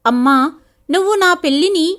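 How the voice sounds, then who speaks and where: A woman's voice: very high-pitched, animated, normal speed, a bit bright. A woman reading the lines of a hurt, defiant young wife in a spoken family story, pleading and tearful.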